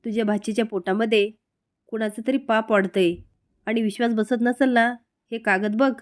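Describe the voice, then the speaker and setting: A woman's voice: a little high, fairly even intonation, normal speed, lightly acted. A woman voicing a stern, scolding middle-aged woman who talks in a blunt, rustic and contemptuous way. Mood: scornful.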